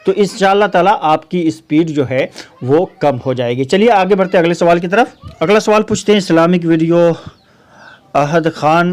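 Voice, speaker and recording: A man's voice: high-pitched, darkish tone. A man, a Quran teacher answering viewer questions in a casual spoken lesson, explaining patiently and repeating his points.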